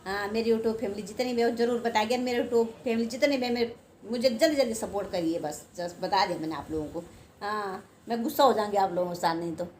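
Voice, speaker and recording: A woman's voice: medium pitch, fast, a little mellow. An older woman talks to her viewers in a chatty, rambling way. She pokes fun at herself as she goes. A faint hum of room noise sits under her voice. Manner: chatty, rambling, self-deprecating. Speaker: home vlogger. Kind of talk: casual chat to camera.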